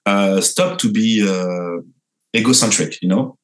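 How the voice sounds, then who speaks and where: A young man from France tells his own story in an interview, speaking English with a clear French accent. His voice is on the lower side, and he's animated, jumping up in pitch and stumbling into restarts as he talks.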